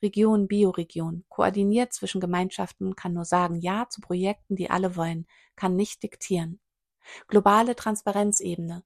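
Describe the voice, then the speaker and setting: A woman's voice: medium pitch, fairly even intonation, normal speed, gravelly, no echo, studio quality. A woman reading a prepared text aloud in short, clipped fragments, with occasional brief asides of her own.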